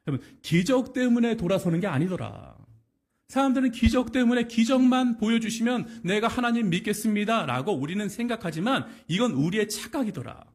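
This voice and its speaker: A man preaching a Sunday sermon with a high voice. His pitch swings widely as he acts out pleas and puts questions to the congregation. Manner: animated preaching, acting out quoted pleas and rhetorical questions to the congregation. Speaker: pastor. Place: church sanctuary.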